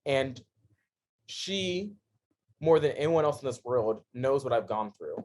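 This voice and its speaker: A man in his thirties, a guest on a podcast, telling his story in a casual interview, laughing often and swinging between excitement and quiet earnestness. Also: mid-range voice, measured pace. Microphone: podcast microphone.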